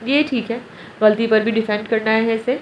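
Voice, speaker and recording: A woman's voice: fairly high pitch, flat delivery, natural voice. A woman narrator voicing a young mother who speaks plainly and complains, recorded distant and roomy. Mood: sulky. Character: exasperated young mother, sulking. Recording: roomy, distant, dull, faint hiss.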